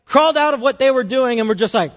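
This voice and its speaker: A man's voice: very high voice, lively intonation, fast talker. A young man preaching a conversational sermon in a storytelling way, often using "like" as a filler.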